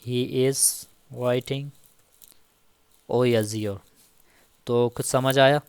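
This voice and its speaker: A male teacher talks through a casual grammar lesson at an unhurried, deliberate pace. His voice is smooth and resonant. He repeats each example patiently, and the recording is dry and close. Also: medium pitch, fairly even intonation, no room sound. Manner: slow, repeats each example with frequent "theek hai". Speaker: Turkish language teacher.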